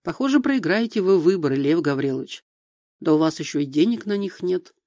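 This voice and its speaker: A man's voice: a little high, expressive, brisk, mellow, no echo, clean studio sound. A man voicing a big, skeptical young man who talks in a wry, mocking way in an audiobook.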